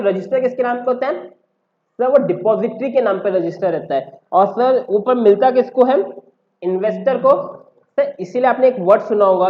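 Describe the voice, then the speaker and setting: A man teaching tax law in a lecture, mixing Hindi and English and answering his own questions. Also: sits high. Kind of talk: classroom lecture. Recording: roomy, dull lo-fi sound.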